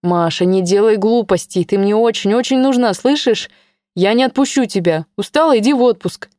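A woman's voice: mid-range voice, moderate pace, dark tone, no echo, close to an everyday voice. A woman voicing a middle-aged male boss who coaxes and insists. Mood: pleading. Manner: coaxing and insistent.

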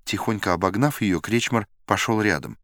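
A man with a very low voice narrates a literary novel in a measured, composed reading. The sound is dry and close, with no room around it. His delivery stays steady through the prose. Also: no echo. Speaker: audiobook narrator.

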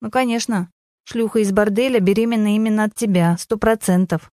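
A woman voicing a sharp-tongued, mocking female friend with a raised, cutting delivery. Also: steady tone, brisk, no room sound, clean studio sound, close to an everyday voice. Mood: scornful. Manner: scornful, cutting, raised pitch.

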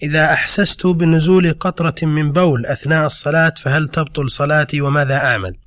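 A male radio host with a slightly high voice presents in formal Standard Arabic. He reads from a script in a formal way, and the sound is dry and close. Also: steady tone, fast, a bit bright, no echo. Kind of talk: formal scripted presenting, reading listeners' questions.

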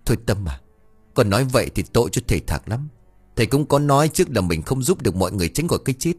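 A man's voice: medium pitch, sing-song, very fast, a little mellow, slightly rough, soft background music. A man voicing an older village aunt, speaking in a raised, pleading way.

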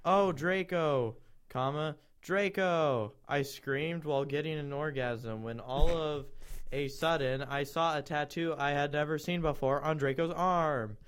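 A man's voice: a little high, fairly even intonation, moderate pace, fairly bright tone, clean tone. A young man giving a comic dramatic reading to friends, laughing and jumping between voices. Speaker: reader.

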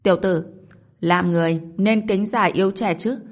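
Woman reading as a hoarse old demon sorcerer. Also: mid-range voice, steady tone, moderate pace, natural voice. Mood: gloating menace. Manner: gloating, then cursing in alarm. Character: smug old male demon sorcerer, arrogant villain.

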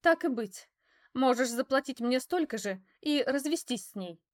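A woman voicing a brash, hysterical young kept mistress in an audiobook, loud and scornful. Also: sits high, animated, moderate pace, pitched above the performer's own voice. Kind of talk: audiobook character voice.

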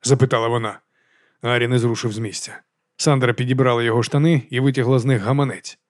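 A man reading a novel aloud as an audiobook narrator, in brisk, even storytelling. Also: medium pitch, dry recording, studio quality.

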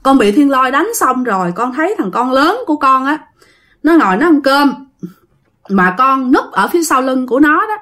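A woman's voice: high voice, animated, moderate pace, fairly bright tone. A woman with a Southern Vietnamese accent voicing the tearful ghost of a village wife who begs a monk for help in a spoken ghost story. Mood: pleading. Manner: tearful begging.

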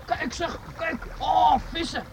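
Very high, youthful voice of a bold boy adventurer in a radio play. He is eager and stammers when strained. Rushing water makes the recording clearly noisy. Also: fairly even intonation, heavily acted. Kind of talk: Dutch audio drama acting.

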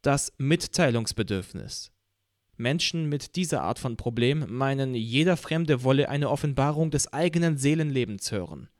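A man's voice: mid-range voice, lively intonation, moderate pace, darkish tone, no room sound, studio quality. Man reading a story expressively. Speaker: reader. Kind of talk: scripted narration.

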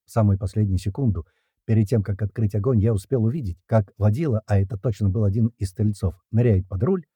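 Husky man narrating an action audiobook. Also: fairly low pitch, quick pace, dark tone, dry recording. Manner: tense action narration, dialogue read aloud. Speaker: audiobook reader. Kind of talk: first-person audiobook narration.

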